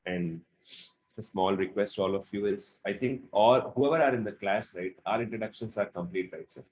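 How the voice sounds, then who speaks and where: A man's voice: lowish voice, moderate pace, darkish tone, rough recording. A man teaching a live online class over a video call, chatty and informal, apologizing for running late. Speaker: instructor.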